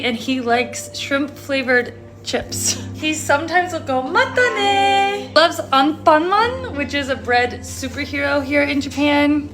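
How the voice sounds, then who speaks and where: A woman's voice: high-pitched, fairly bright tone. A young woman and mother chatting casually in a vlog, amused, listing things about her toddler. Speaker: mother vlogger.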